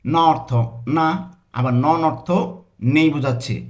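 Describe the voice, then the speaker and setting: A man with a Bangladeshi accent teaching a language lesson, saying example phrases slowly and breaking them into parts. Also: fairly high pitch. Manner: slow, drawn-out pronunciation of example phrases.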